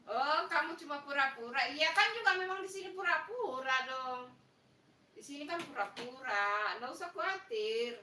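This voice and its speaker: Woman live-stream host with a Makassar lilt, teasing and coaxing, high voice, roomy echo. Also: expressive, normal speed, bright, forceful tone, slight background noise. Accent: Makassar Indonesian. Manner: playful, coaxing viewers to like and subscribe; teasing mock-sympathy. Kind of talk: casual live stream chat reading viewer comments. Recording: echoey room, voice a bit far from the mic.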